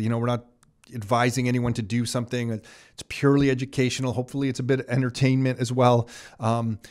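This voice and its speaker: A man's voice: mid-range voice, darkish tone. A man hosting a podcast in a chatty way, repeating key points as he talks. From Canada. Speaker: podcast host. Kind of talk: casual podcast talk.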